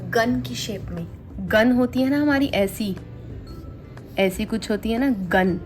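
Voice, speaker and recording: Patient female tutor, slow repetitive delivery, light music bed. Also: a little high. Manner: slow, repetitive, spells out sounds and mnemonics. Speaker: language teacher. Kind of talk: Korean alphabet lesson.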